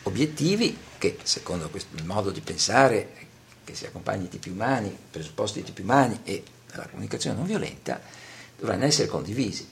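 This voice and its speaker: Gravelly, lively-pitched male lecturer. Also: a little hiss or hum. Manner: measured, with frequent pauses and "eh" fillers. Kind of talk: spoken lecture.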